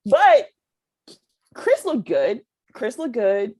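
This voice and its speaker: A woman co-hosting a podcast in casual chat, talkative and quick to laugh. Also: on the high side, big pitch swings, a little mellow. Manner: chatty, laughs often. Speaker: podcast co-host.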